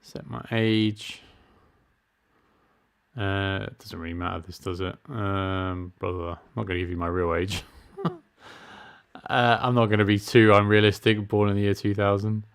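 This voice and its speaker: A middle-aged streamer's lowish voice is creaky and clean, with fairly even intonation and a moderate pace. He chats casually in his let's-play, teasing himself and reading the menu options aloud.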